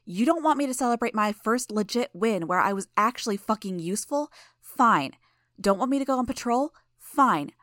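Bratty teen girl villain, loud and mocking, high voice as a woman narrator puts her on; dry close sound. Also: moderate pace, no echo, lightly acted. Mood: angry.

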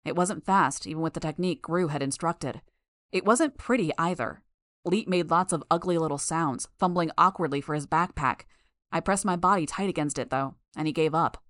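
A woman reading a first-person story aloud in a steady, measured way. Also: deep voice, no echo, clean studio sound. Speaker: audiobook narrator. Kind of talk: first-person audiobook narration.

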